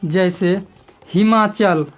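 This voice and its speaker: A woman's voice: on the low side, drawn-out words. A woman teacher giving a grammar lesson step by step, repeating key terms and asking the class questions.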